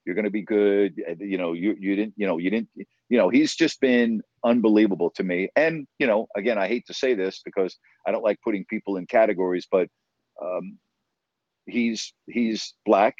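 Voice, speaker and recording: This fairly low, somewhat dark male voice belongs to a sports broadcaster in his fifties from New York, guesting on an interview. Earnest and insistent, he repeats words for emphasis while telling stories in a conversational way. There's no echo, and the sound is dull and dry.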